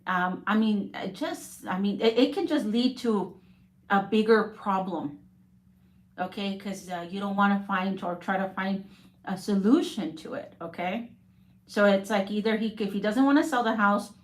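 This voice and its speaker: A woman's voice: medium pitch, moderate pace. Chatty woman agent who keeps saying "okay?". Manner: rambling, keeps adding "okay?". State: coughing. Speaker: real estate agent. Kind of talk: live-stream talk.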